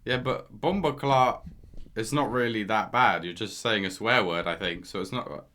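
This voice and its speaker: A man's voice: fairly low pitch, moderate pace, bright, forceful tone. A man co-hosting a podcast in casual chat, blunt and laid-back with slangy wording. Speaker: podcast co-host.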